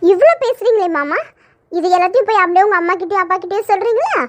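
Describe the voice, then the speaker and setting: A very high, fast-talking cartoon young woman, bossy and jealous, with a taunting, scolding tongue, as a woman voices her. She runs her lines together in quick bursts. It sounds like animated cartoon voice acting. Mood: spiteful.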